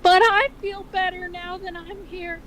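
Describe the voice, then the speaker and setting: Noisy home recording of a woman playing a high-voiced cartoon meerkat mother. She dotes on her child but speaks haltingly, with an anxious, slightly tense edge. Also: little pitch movement, fairly bright tone. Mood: hesitant, uneasy. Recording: clearly noisy amateur recording.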